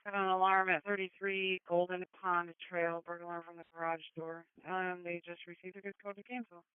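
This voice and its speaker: A man's voice: sits high, little pitch movement, brisk. A man dispatching on police radio, reading out incidents over a two-way radio. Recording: narrow, tinny scanner radio audio.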